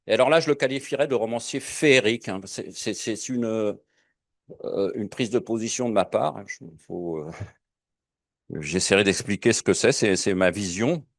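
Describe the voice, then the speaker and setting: A man with a fairly low voice gives a lecture to an audience. He wanders into asides and fills his pauses with hesitations. The sound is dry, with no room echo. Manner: digressive, many fillers and asides. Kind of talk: public lecture.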